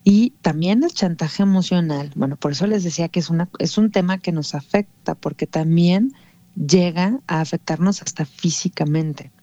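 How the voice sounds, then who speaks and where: A woman with a lowish, dark-toned voice speaks at a normal pace, patiently unpacking emotional topics as a guest and sprinkling in plenty of rhetorical "¿no?" tags. It's an explanatory conversation captured on a dry recording with the highs cut off.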